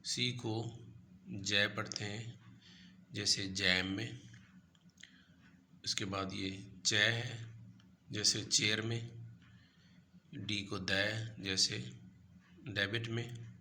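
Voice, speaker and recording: A man gives a patient lesson and spells each letter out carefully. He talks slowly in a lowish, bright voice. Faint noise hums behind him. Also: flat delivery. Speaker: language teacher. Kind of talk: lesson narration over a chart.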